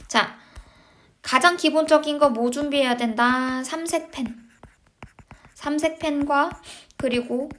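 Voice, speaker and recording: A woman with a fairly high voice teaches a recorded lesson to middle school students. She explains step by step and keeps checking in with quick tag questions to make sure they follow. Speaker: English teacher.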